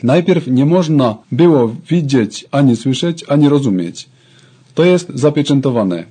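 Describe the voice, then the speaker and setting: A man's voice: mid-range voice, animated, a little slow, warm tone, breathy edge. A man preaching a sermon, fervently addressing his congregation.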